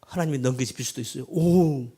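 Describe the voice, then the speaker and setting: A male pastor preaching a sermon, swinging between loud exclamations and near whispers and asking the congregation questions. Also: mid-range voice, animated, moderate pace, slightly rough.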